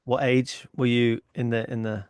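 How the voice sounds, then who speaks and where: A man's voice: mid-range voice, level tone, normal speed, a little mellow, clear, resonant tone, no echo. Man, podcast host, casual reflective talk, dry recording. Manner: thoughtful, uses "like" often, acts out inner thoughts. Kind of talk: casual interview conversation.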